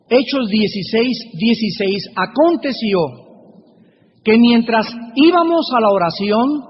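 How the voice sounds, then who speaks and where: Male preacher, very high voice, deliberate teaching cadence with repetition; dull lo-fi hall recording. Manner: deliberate, repeats key phrases and slowly sounds out Greek terms. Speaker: preacher teaching a Bible study. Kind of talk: Bible lecture sermon. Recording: dull lo-fi recording in a reverberant hall with faint hiss.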